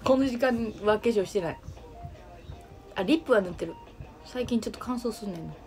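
A woman's voice: medium pitch, lively intonation, a little fast, darkish tone, faint music behind. Young Kansai woman chatting on a livestream. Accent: Kansai Japanese. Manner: chatty, reads out and answers viewer comments. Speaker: livestream host. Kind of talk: casual livestream chat with viewers.

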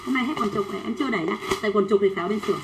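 A woman selling children's clothes on a livestream, chatting quickly and reading out sizes and buyers' names. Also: mid-range voice, roomy sound, very noisy. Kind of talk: fast livestream sales pitch.

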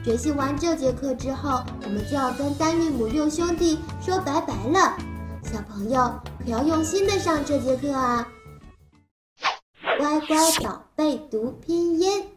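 A woman's voice: high-pitched, lively intonation, unhurried, music in the background. A woman voicing a cheerful, child-like little cartoon creature who teaches phonics, talking simply and encouragingly as if reading to a toddler. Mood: eager, encouraging. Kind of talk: animated lesson for small children.

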